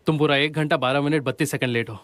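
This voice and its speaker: A man's voice: a little high, steady tone, fast talker, a bit bright, no room sound, lightly acted. A man playing a stern, lecturing young man. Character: strict, blunt young man who scolds her. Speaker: dubbed drama character. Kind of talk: Hindi dub of a drama.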